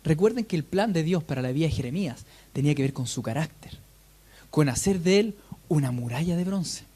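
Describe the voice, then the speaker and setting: A preacher delivering a sermon in a lively storytelling manner, often turning to the congregation with rhetorical questions. The voice sits at an ordinary pitch with a mellow, warm tone. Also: brisk, husky.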